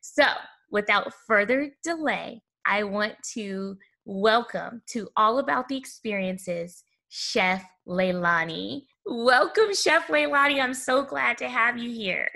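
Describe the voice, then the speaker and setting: Effusive woman podcast host, bright voice. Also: on the high side, slow pace, gravelly. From Oakland, California. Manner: effusive, warm praise with small self-corrections. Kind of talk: podcast interview introduction. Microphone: video call.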